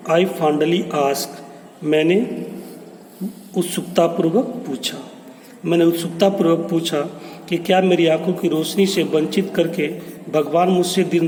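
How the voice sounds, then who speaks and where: Man, high voice, slow unhurried teacher, explains words one by one, echoey room with long reverb. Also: mellow, slight background noise. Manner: explains each English word in Hindi, storytelling. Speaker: English teacher. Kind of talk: poem explanation lesson.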